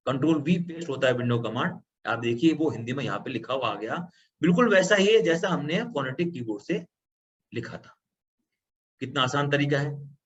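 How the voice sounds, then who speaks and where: At a medium pitch and normal speed, a man animatedly and patiently presents a screen-recorded computer tutorial, explaining each step as he goes. The audio is slightly dull and lo-fi, with a faint hum in the background.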